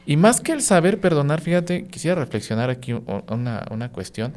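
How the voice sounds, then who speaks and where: A priest giving a spoken reflection on a radio podcast, explaining with everyday examples and often checking in with "¿no?" and "¿sí?". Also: male voice, fairly high pitch, sing-song, fairly quick, a little mellow. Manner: frequent "¿no?" and "¿sí?" tag questions.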